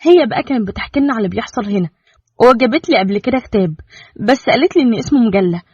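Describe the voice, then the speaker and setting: A man's voice: very high-pitched, animated, rapid-fire, slightly rough, no room sound, voice pushed up, heavily acted. A man voicing a young, naive Bedouin girl with an Egyptian Arabic accent, asking eager, wide-eyed questions in a storybook reading. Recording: dull lo-fi dry recording.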